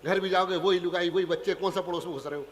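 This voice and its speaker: A man's voice: high voice, fairly even intonation, fast. A man from Punjab performing comic poetry on stage and teasing the audience directly. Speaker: comic poet. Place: large hall with a live audience. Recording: live stage hall recording with crowd.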